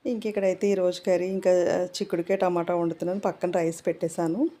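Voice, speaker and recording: Middle-aged woman, casual home vlogger, rambling chat, mellow voice. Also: on the low side, little pitch movement, fast talker. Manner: talkative, rambling, many fillers.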